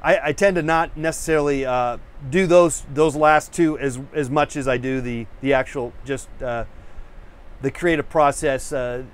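A man's voice: medium pitch, fairly even intonation, normal speed, clean tone. A man hosting his own painting show, chatting casually to camera in a rambling way, full of fillers and restarts, searching for words and wired on coffee. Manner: self-searching, hunts for words; rousing, pep-talk delivery. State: over-caffeinated.

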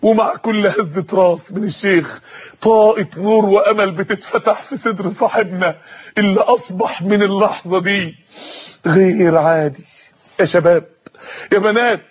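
High-voiced, fast, impassioned Egyptian preacher. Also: male voice, slightly rough, lo-fi sound. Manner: impassioned, pleading, breaks into tears. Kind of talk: emotional sermon storytelling.

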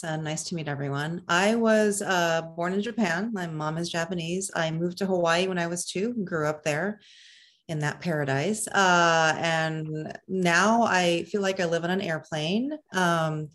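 A woman conductor speaks on a video call from a room at home, with a light, joking manner. Her voice is lowish. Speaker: guest conductor. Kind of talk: panel introduction.

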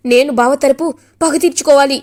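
A woman voicing a bitter young woman brooding and plotting revenge, in a high voice. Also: steady tone, fairly quick, darkish tone, lightly acted. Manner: brooding, resentful.

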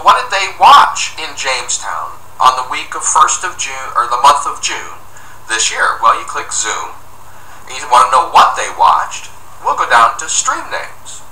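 Middle-aged man, upbeat step-by-step tutorial narrator, lively pitch, distant mic in an echoey office. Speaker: software tutorial presenter. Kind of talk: screencast walkthrough narration. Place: office room indoors, at a desk. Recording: roomy, distant mic with faint noise.

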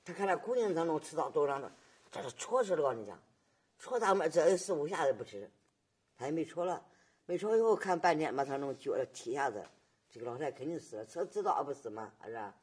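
Husky elderly woman. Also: sits low, animated, darkish tone. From Nanjing, China. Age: 80s. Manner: halting, repetitive storytelling with frequent tag questions. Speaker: survivor giving testimony. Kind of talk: oral history testimony.

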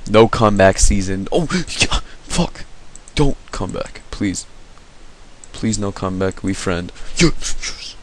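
Excitable man yelling through gameplay commentary. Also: on the low side, slow, a little hiss or hum. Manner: excitable, swearing, shouting at the game. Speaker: gaming video host. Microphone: headset.

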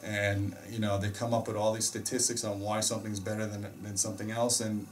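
A middle-aged American man, a host and audio reviewer, explains things casually but emphatically, with strong opinions. His voice is fairly low and flat, and he talks fairly quickly. He's in a small indoor home theater room, picked up by a distant mic with slight background noise.

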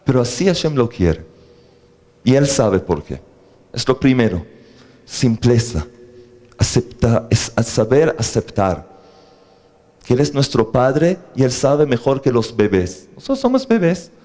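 Animated man teaching on faith. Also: mid-range voice, slow pace, long pauses. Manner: animated, asks the audience questions, jokes. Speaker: religious teacher. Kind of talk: lecture on faith to a live audience.

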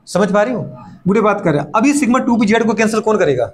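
A man's voice: high voice, lively intonation. A middle-aged man teaching chemistry to a class, firing off rhetorical questions and playfully scolding students, sometimes voicing their replies. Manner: fast repeated catchphrases and rhetorical questions. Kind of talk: classroom lecture.

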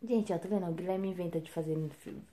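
A woman's voice: fairly low pitch, fast, warm tone. A mother with a Brazilian accent filming a casual home vlog, teasing her son and calling out to viewers. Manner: playful, teasing, exclaiming to viewers. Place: home room at night.

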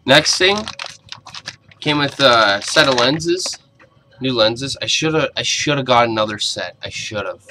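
Bright-voiced young man, casual and blunt. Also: mid-range voice, lively intonation, unhurried, slight background noise. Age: young adult. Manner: blunt, informal, swearing. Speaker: reviewer. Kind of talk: casual video review. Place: small cluttered bedroom, indoors.

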